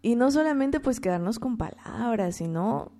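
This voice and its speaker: A woman's voice: a little high, expressive, moderate pace, over music. A young adult woman hosting a morning radio program, giving a reflection on faith, asking her listeners questions and repeating words for emphasis. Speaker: radio host.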